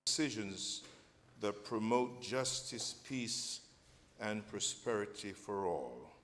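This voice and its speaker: A man's voice: fairly low pitch, animated, slow pace, a bit bright. A clergyman leading an opening prayer, speaking solemnly at a pulpit microphone in a large council chamber. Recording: long reverb of a large chamber.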